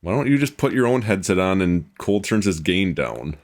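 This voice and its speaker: Low-voiced man streaming a block game. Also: very animated, a little fast. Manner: teasing, yelps and laughs at game mishaps. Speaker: streamer and host. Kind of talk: casual gaming chat.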